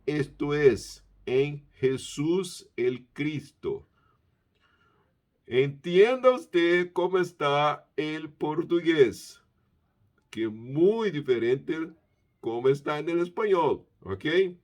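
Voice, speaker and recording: Man, language teacher, very slow delivery, pitch swinging up and down, repeats words to drill pronunciation. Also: lively intonation, darkish tone. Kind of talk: Bible-based pronunciation lesson.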